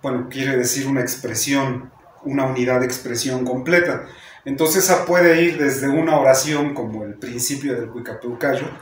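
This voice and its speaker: A man with a Mexican Spanish accent lectures a class, explaining patiently and often closing sentences with a questioning "¿no?". His voice is medium-pitched and moderately paced. The sound is roomy, with slight background noise.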